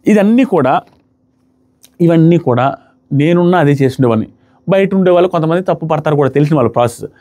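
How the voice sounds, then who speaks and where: A man talks quickly and with conviction as he reviews a reality show episode for his viewers. His voice sits a little higher than most men's. He sounds like someone giving casual, opinionated commentary. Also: animated, dark tone. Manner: fast, opinionated, talking to viewers.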